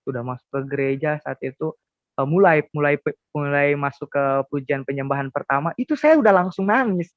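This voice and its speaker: A man's voice: on the high side, animated, dry recording. Man telling his testimony, dull sound. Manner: halting, repeats and restarts words. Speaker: guest sharing a conversion testimony. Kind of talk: emotional personal testimony.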